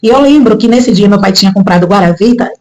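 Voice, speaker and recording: Fast-talking woman giving a heartfelt testimony. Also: darkish tone, low-quality recording. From Brazil. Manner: emotional, rising high when quoting her prayers; frequent "né?" tags. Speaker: testimony speaker. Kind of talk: casual spoken testimony.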